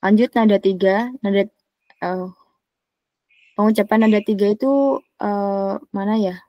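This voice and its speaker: A woman tutoring a private Mandarin lesson, patiently modelling syllables slowly and repeating them. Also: medium pitch, steady tone, dry recording, dull audio. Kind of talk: private online language lesson.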